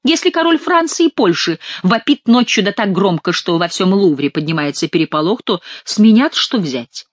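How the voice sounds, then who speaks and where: A woman voicing a mocking, quick-witted male court jester in an audiobook. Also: medium pitch, animated, dry recording, lightly acted. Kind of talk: audiobook character reading.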